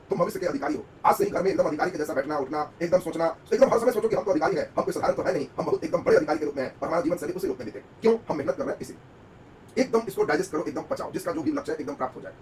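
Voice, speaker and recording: A male coaching teacher races through an exam-prep history lecture at breakneck speed in a high voice. He quizzes and exhorts his students and repeats emphatic words. The mic sits a little away from him, with a faint rumble behind. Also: expressive, rapid-fire, distant mic.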